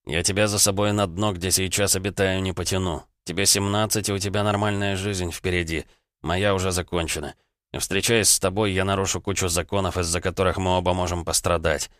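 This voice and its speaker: A weary young guild head speaks firmly and tiredly, as a male narrator reads him. His voice is low and the recording dry and close. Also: little pitch movement, fairly quick, a bit bright, no room sound. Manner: firm, tired.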